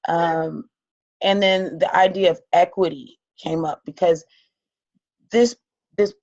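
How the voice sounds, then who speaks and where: A woman's voice: on the low side, steady tone, slow, a little mellow, dull audio. A woman student who is losing her voice a little, speaking hesitantly with many ums in a class discussion of a case study. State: losing her voice, slightly hoarse. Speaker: student in a leadership course.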